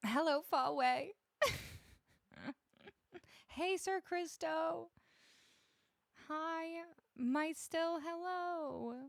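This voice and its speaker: Lively, chatty woman streamer. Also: high-pitched, dry recording, clean studio sound. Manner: chatty, laughs often, greets viewers by name. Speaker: music streamer and singer. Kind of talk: casual live-stream chat with viewers. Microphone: studio broadcast microphone, close.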